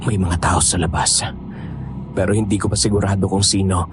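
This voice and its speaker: A man playing a protective young man with aswang blood, speaking in an earnest, steady manner. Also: deep voice, moderate pace, noisy background, lightly acted. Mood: tense. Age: young adult. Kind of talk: Tagalog audio horror drama.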